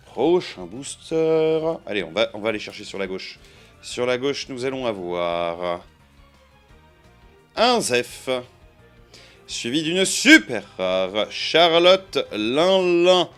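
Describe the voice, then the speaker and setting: A man's voice: on the low side, very animated, a little slow, fairly bright tone, faint music behind. A man giving chatty, playful commentary while opening trading card boosters, counting out cards and joking with his viewers. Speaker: card-opening video creator.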